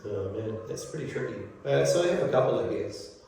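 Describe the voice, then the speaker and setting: A middle-aged man from New Zealand, a teacher, answering interview questions in a relaxed, rambling way with many fillers. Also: on the low side, a little fast, creaky, a little hiss or hum. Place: school room. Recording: echoey room from far off.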